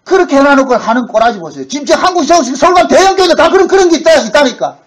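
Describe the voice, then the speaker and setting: A man preaching a sermon as pastor, talking in a colloquial way and acting out quoted voices, from loud bursts to hushed asides. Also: very high-pitched, big pitch swings, very fast, low-quality recording. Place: church sanctuary.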